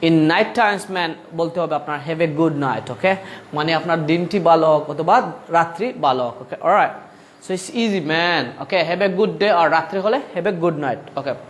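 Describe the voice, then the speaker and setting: A man with a Bengali accent teaching spoken English to beginners, switching between languages, calling the listener brother and repeating each phrase slowly. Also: on the high side, slight background noise.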